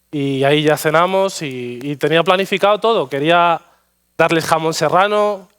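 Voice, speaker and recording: A Spanish guest preacher with a Madrid accent and a crisp, smooth, slightly high voice delivers a sermon with prayer in a church sanctuary. Warm storytelling and humor aimed at himself run through his anecdote-filled preaching.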